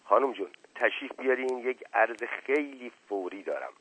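A man's voice: mid-range voice, expressive, fairly bright tone, slightly rough. A man doing a sly flirtatious uncle. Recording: tinny radio broadcast.

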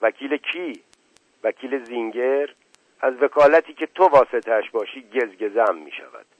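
A man's voice: medium pitch, lively intonation, dry recording, lo-fi sound, lightly acted. A man voicing a stern, proud middle-aged landowner who speaks with scorn and lectures. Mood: angry.

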